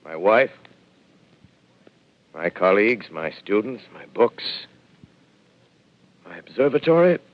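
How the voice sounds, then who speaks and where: An actor playing a lone, shaken professor surviving an invasion, narrating gravely in a 1930s radio drama heard through old AM radio sound. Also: male voice, lowish voice, very animated. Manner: grave, measured, reflective. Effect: old AM radio broadcast sound. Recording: muffled 1930s AM radio broadcast.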